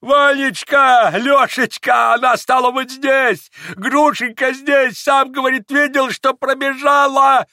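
A man voicing a shrill, frantic old father who shrieks and gasps in an audiobook. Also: fairly even intonation, slow, few pauses, sharp tone, no room sound, clean studio sound, exaggerated voice. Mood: frantic shrieking. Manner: shrieking, breathless and wild. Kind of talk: audiobook character voice.

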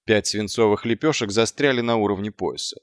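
A man narrating an audiobook with expressive storytelling. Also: lowish voice, a little fast, no room sound, studio quality.

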